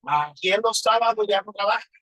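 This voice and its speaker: Husky-voiced man preaching a testimony. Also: high-pitched, brisk, a bit bright, dry recording, low-quality recording. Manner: emotional storytelling with rhetorical questions. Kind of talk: personal testimony sermon.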